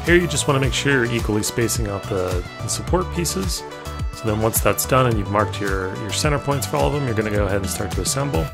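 A man's voice: mid-range voice, animated, fast talker, vocal fry. A man in his thirties giving casual how-to narration of a workshop build, practical, with filler words and self-corrections. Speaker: DIY builder. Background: background music.

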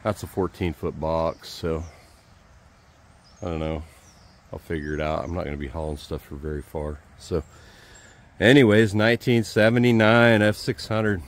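A man's voice: deep voice, moderate pace, long pauses. A man casually showing an old truck outdoors and in its cab, talking offhand and thinking aloud into a handheld phone camera. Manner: relaxed, offhand, thinking aloud with dry jokes. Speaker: homesteader showing his truck. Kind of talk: casual walkaround vlog.

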